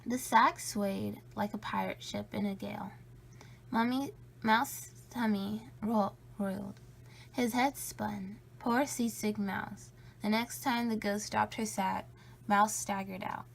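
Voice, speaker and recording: A woman reading a children's story aloud in a playful, spooky way, with drawn-out emphasis and a creaky edge. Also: mid-range voice, steady tone, a little hiss or hum. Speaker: storybook reader.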